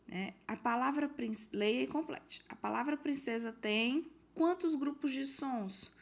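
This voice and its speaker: Patient woman teacher with a gravelly voice. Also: fairly high pitch. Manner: patient, explanatory, reads out questions and gives hints. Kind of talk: recorded homework walkthrough for pupils.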